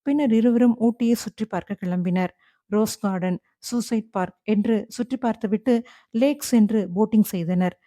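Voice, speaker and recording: A woman narrating a horror novel as an audiobook, in a steady storytelling manner. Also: medium pitch, moderate pace, no room sound, clean studio sound.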